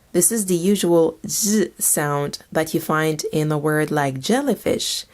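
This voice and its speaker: A woman narrates a scripted language lesson at a very slow, careful pace. Her voice sits a little low, and she says each letter name twice before explaining it. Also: a little mellow. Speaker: language teacher.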